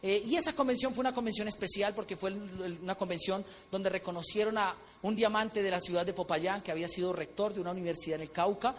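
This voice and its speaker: A man with a Colombian accent telling a story at a convention, animated and acting out quotes. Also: high voice, fast talker, hardly any pauses. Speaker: motivational speaker. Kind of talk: stage talk at a convention. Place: large convention hall. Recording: echoey hall with faint noise.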